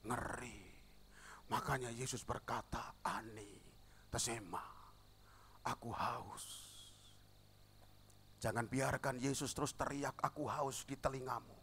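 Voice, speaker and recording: A middle-aged man preaching a sermon as pastor, telling stories and acting out the dialogue, with shouted peaks. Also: medium pitch, moderate pace, slight background noise. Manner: animated storytelling, acts out dialogue, shouts at climaxes.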